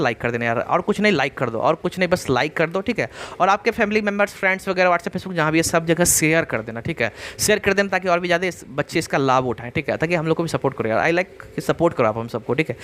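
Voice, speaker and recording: A man with a high voice teaches a general-knowledge exam class online. He reads each question and its options, then drills the answer again and again with rhetorical questions. He talks to his viewers in a casual, friendly way. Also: a bit bright. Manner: repetitive, drills answers with rhetorical "kya hai?"; casual, addresses viewers as bhaiya and yaar. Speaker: GK quiz teacher.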